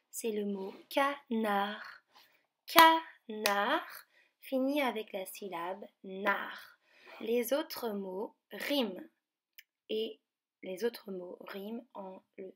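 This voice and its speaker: A woman teacher from France giving a remote lesson to young children, speaking slowly and carefully and stretching out each word. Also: mid-range voice, breathy edge. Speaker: primary school teacher.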